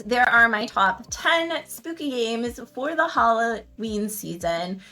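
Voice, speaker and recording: A woman's voice: mid-range voice, a bit bright. Woman host, mid-range voice, upbeat chatty reviewer, faint music bed underneath. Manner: enthusiastic, chatty, with small restarts. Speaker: board game reviewer and channel host. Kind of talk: casual video review.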